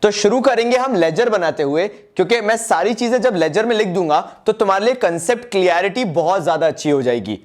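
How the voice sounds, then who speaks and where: Brief: Indian man, commerce tutor, high-pitched and chatty, quizzes students then answers himself. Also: expressive, brisk, hardly any pauses. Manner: chatty, calls students "yaar" and "bhai", asks and answers his own questions; calls himself "Baba ji". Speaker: commerce teacher. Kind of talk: online accounts lesson.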